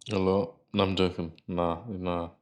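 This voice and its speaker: A man's voice: deep voice, level tone, a little slow. A man co-hosting a podcast, teasing his co-host in a laid-back, casual chat.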